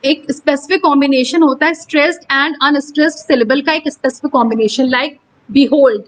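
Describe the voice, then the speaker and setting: A woman teacher giving a lesson on English pronunciation, slowly spelling out syllables and stressing words. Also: high voice, a bit bright, low-quality recording.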